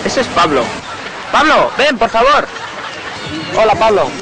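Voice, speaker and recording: A young man in his twenties from Spain, speaking slowly and clearly as a language-lesson presenter outdoors on a beach. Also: sits high, big pitch swings, rough recording. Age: 20s. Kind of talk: slow scripted lesson talk. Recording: crowd and street noise outdoors.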